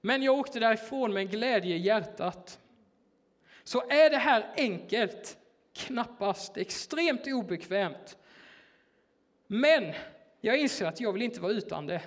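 A man with a notably high voice gives a sermon in a church. He tells a personal story in a relaxed, conversational way, hesitating often and filling pauses as he goes. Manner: casual, hesitant, filler-heavy storytelling. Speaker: church worker preaching.

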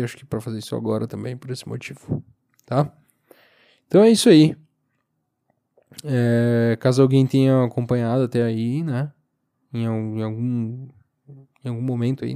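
A sleepy young man with a southern Brazilian accent talks casually by himself as a podcast host, in an informal, halting, meandering way. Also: mid-range voice, vocal fry, warm tone. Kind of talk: casual solo monologue, rambling. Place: recorded lying down, alone.

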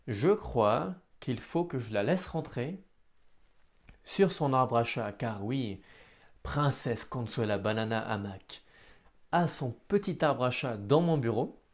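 A tired man, talking alone in his home office for a daily diary podcast and stammering and restarting words now and then. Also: medium pitch. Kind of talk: casual spoken diary podcast.

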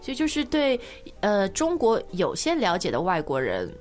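A woman from Shanghai hosting a bilingual language-lesson podcast, chatty and quick to laugh as she switches between two languages. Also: medium pitch, wildly swooping pitch. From Shanghai, China. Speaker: podcast host, English teacher.

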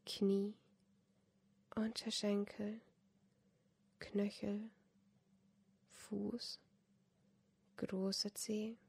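A podcast host guides a yoga nidra meditation, speaking softly in a breathy, whispery voice of medium pitch. She stays calm and unhurried, leaving long pauses between her gentle instructions.

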